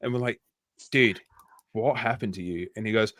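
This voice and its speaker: A man's voice: lowish voice, moderate pace, a bit bright, no room sound. A man with a Yorkshire accent telling a long, rambling anecdote in casual chat, laughing and swearing often. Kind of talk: casual storytelling.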